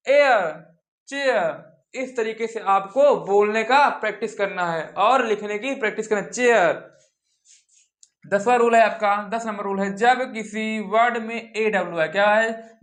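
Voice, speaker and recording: Guy with a high voice teaching english phonics on a whiteboard, keeps asking "what's written" and repeating words slow. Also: fairly bright tone. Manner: drills with call-and-response questions, repeats words slowly.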